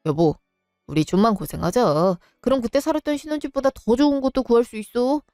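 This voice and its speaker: A weary, defensive young husband, as a woman narrator puts him on in a storybook drama. He pleads in a lowered, smooth tone. Dry, close sound with faint music. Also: fairly quick, mellow, dry recording, natural voice. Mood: pleading. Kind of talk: storybook voice acting.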